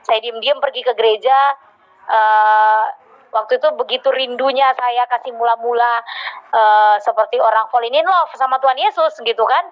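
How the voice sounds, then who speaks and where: A church member shares a heartfelt personal testimony with the congregation in a higher-pitched woman's voice at normal speed. She hesitates often with fillers, and the recording is dull and lo-fi.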